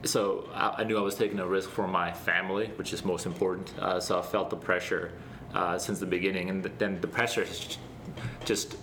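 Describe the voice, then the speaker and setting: A man answering interview questions casually as a guest, speaking in an earnest, reflective and halting way. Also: sits low, level tone, fairly bright tone, a little hiss or hum. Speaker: interview guest, startup founder.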